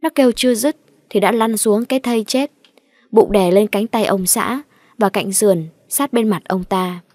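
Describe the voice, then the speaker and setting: Woman reading a slow dramatic ghost story. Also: medium pitch, darkish tone, no echo, clean studio sound. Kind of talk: scripted ghost story narration.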